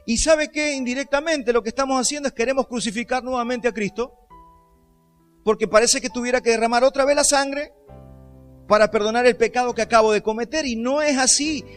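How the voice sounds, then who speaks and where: A male pastor, giving an emphatic sermon and putting rhetorical questions to the congregation. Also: high voice.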